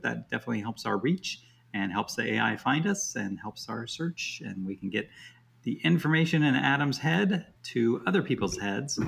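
A man co-hosting a podcast in an easygoing, joking way, wrapping up the episode with a gravelly, husky voice. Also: medium pitch, a bit bright. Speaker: podcast co-host. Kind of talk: casual podcast chat and sign-off.

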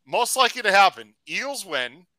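A man hosting a live racing podcast, chatty and upbeat, reading out shout-outs to viewers. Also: high voice, sing-song, brisk, no room sound, low-quality recording. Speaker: podcast host. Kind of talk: casual live-stream chat.

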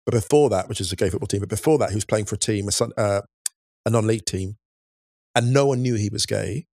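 A man, his voice sitting low, talks earnestly on a podcast. The sound is dry and close, with no room around it. He is thoughtful and open, and laughs easily. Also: fast, vocal fry, darkish tone, no echo. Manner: earnest and reflective, breaking into big laughs. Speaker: podcast co-host. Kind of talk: casual podcast chat.

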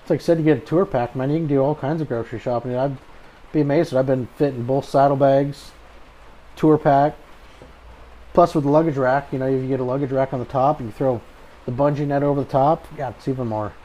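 A man's voice: medium pitch, fairly even intonation, a little fast, warm tone, dull audio. An American man hosting a podcast in a casual chat, with an easygoing, folksy good ol' boy way of talking. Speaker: podcast host.

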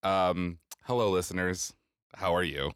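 A man's voice: low voice, unhurried, fairly bright tone, dry recording, studio quality. A man who produces a podcast, chatting casually and reacting in a playful, flustered way. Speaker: show producer.

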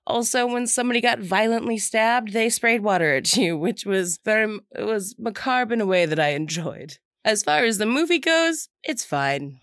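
A woman hosting a podcast, hoarse from a head cold, talking in a chatty, frank way with casual swearing and lots of "like" fillers. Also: on the high side, fairly bright tone, no room sound, studio quality. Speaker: podcast host.

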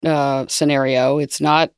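A woman's voice: low voice, flat delivery, a little slow, clean tone, dry recording, clean studio sound. A woman in her sixties interviewing a guest, reflecting on her own experience as she asks questions. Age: 60s. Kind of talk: conversational interview.

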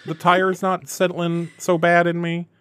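A man's voice: sits high, completely flat delivery, a little slow, a bit bright, clean tone, no echo, clean studio sound. A man voicing a naive, hesitant man-eating bear in improvised comedy, with simple childlike phrasing. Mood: sheepish. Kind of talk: improvised comedy role-play.

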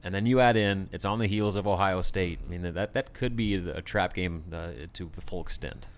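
A low, smooth-voiced American man talks sports as a show panelist. His analysis is conversational, with a clean, clear tone. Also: normal speed.

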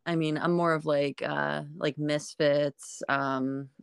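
A woman's voice: low-pitched, fairly even intonation, slow pace, creaky, clean tone, no room sound. Casual female podcast guest, young adult, laid-back stoner-type voice, dry recording, hedging conversational delivery. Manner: laughs often, hedges with "like". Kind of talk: casual chat.

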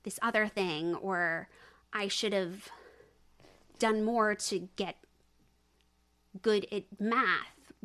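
Speaking extremely slowly and pausing often, a woman aged 30 or older delivers her views in a mid-range, sharp-toned voice with fairly even intonation. She's a researcher and analyst appearing as a podcast guest, conversational and opinionated, hammering points home through repetition.

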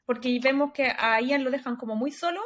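A woman with a Chilean accent hosts a podcast in easy, chatty conversation. She sprinkles in English words now and then, and her voice sits somewhat high. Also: fairly even intonation, brisk. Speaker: podcast host. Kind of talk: casual chat about a film.

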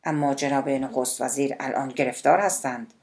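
A woman's voice: rumbling low, steady tone, darkish tone. A woman voicing a polite, cautious male government spokesman. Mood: courteous.

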